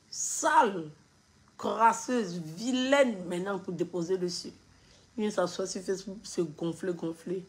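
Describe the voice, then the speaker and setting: A woman commenting casually on a live video, mocking and laughing often. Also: on the low side. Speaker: social media commentator.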